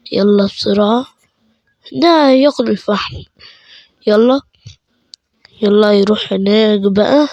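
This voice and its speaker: A man with an Egyptian Arabic accent giving chatty let's play commentary, excitable and quick to burst into panicked repeated shouts. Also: high voice, dry recording. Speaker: gaming channel host.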